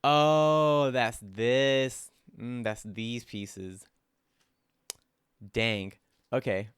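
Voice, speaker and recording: Rambling self-critical young man, smooth voice. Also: mid-range voice, fairly even intonation, drawn-out words, a bit bright, dry recording. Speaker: artist and channel host. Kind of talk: casual commentary on own drawings.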